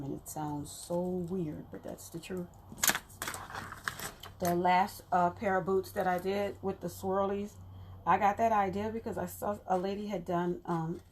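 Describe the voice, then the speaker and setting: A woman talks casually to her viewers as she demonstrates a craft project, laughing easily. Her voice has a gravelly fry to it. A faint hiss sits under the recording. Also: lowish voice, darkish tone. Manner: chatty, talks to viewers while working, laughs often. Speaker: crafter explaining her methods. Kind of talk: casual tutorial chat.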